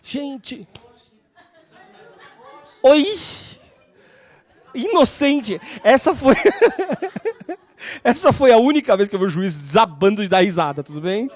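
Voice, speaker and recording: A woman lecturing on law, telling lively stories and constantly checking in with her class. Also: mid-range voice, measured pace, long pauses. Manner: animated, acts out scenes.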